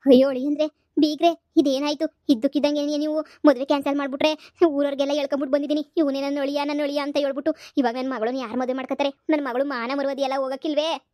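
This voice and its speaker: Woman voicing a high-pitched, wailing mother, begging and scolding, dry close cartoon voice. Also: little pitch movement, fast, warm tone, no room sound, lightly acted. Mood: pleading, distraught. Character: loud pleading middle-aged village mother of the bride.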